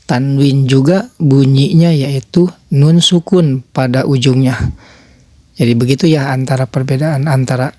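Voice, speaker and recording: A man teaching a beginners' lesson on Quran recitation rules, explaining patiently and drawing out sample phrases slowly. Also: medium pitch, steady tone, darkish tone, no echo. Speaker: tajwid teacher. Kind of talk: recorded tajwid lesson for beginners.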